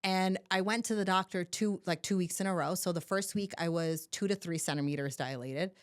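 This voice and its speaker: A young woman, a podcast guest and new mother, telling her story in casual chat, animated and swearing freely as she acts out what people said. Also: fairly low pitch, brisk, smooth.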